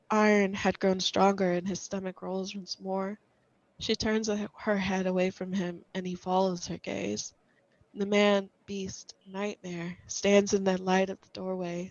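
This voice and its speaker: A woman reading a scripted horror story aloud in a measured, suspenseful way. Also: mid-range voice, darkish tone, dry recording, highs cut off.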